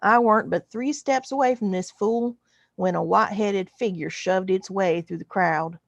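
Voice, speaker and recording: Here a woman plays a folksy alien wanderer telling his own science fiction tale, a space western, with a wry, dry, colloquial air and an over-the-top Texas drawl. She speaks at normal speed with medium pitch and some vocal fry, recorded with no room sound.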